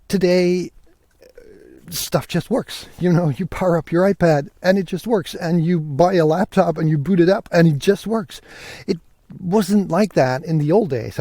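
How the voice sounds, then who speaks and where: Walking alone through countryside fields, a Belgian podcaster chats enthusiastically and casually into a portable rig. His warm voice is on the high side, and the audio is clean, studio-like and free of echo.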